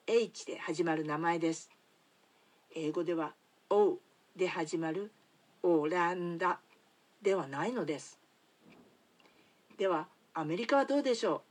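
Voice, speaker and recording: Husky-voiced woman reading an English lesson. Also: on the low side. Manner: measured, explanatory reading. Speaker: English teacher. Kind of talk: scripted lesson narration.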